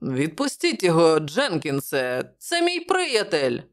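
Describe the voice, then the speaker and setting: A woman's voice: lowish voice, very animated, unhurried. A woman voicing a jovial, wry male journalist who talks in a bantering way.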